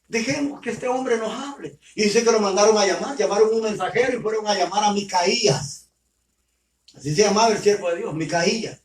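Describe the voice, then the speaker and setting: A man preaching, retelling a scripture story in an animated way and speaking directly to his listeners as brothers. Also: high-pitched, a little fast. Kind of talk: sermon storytelling. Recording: roomy sound from far off.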